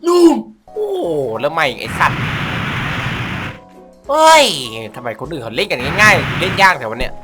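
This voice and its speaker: A man giving casual comedic gameplay commentary as a video host, crude, sweary and excitable in his exclamations. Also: fairly high pitch, quick pace, few pauses, soft background music.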